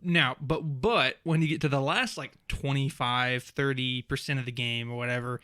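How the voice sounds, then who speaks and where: Guy on a podcast just chatting, bright voice, kinda rambly, dry sound. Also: mid-range voice, normal speed, smooth, no echo. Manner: rambling, many fillers and restarts, laughs often. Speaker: podcast co-host. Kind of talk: casual chat.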